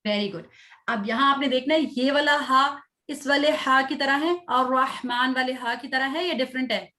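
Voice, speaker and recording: A woman teaching children Quran recitation in an online class. She recites slowly, syllable by syllable, for pupils to repeat, and quizzes them between lines with praise. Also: sits high, bright, forceful tone.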